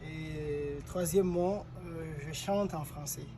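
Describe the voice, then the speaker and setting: A man's voice: on the high side, fairly even intonation, slow, noisy background. A man from South Kivu, answering interview questions hesitantly with many fillers. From DR Congo, South Kivu. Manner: hesitant, frequent fillers and restarts. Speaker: karate teacher and singer being interviewed.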